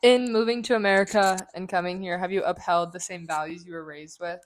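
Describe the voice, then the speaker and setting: A woman's voice: on the low side, steady tone, brisk. A young woman hosting a student podcast, asking interview questions in a hesitant way with many fillers. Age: young adult. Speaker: podcast host.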